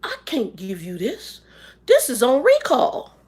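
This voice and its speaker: A woman's voice: fairly high pitch, huge pitch swings, takes it slowly, a little mellow, breathy edge, pitched above the performer's own voice, exaggerated voice. A woman voicing an older male delivery man who rambles apologetically. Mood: flustered.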